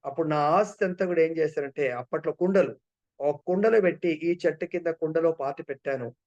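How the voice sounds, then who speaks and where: A man's voice: a little high, brisk, darkish tone, lo-fi sound, natural voice. A man voicing an attached old householder who keeps making excuses. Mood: explaining.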